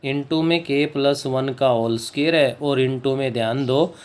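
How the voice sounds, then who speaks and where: A man's voice: mid-range voice, clear, resonant tone. A man teaching a maths lesson, working through a proof step by step and often checking in with his students. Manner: slow and deliberate, dictates English phrases word by word, checks in with students. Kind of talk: board-work maths lesson.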